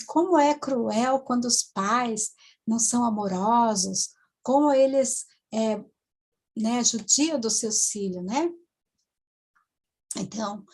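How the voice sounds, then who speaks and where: A woman, a hypnotherapist telling a client's story in a halting way, full of tag questions and restarts. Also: on the high side, darkish tone. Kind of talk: storytelling lecture to students.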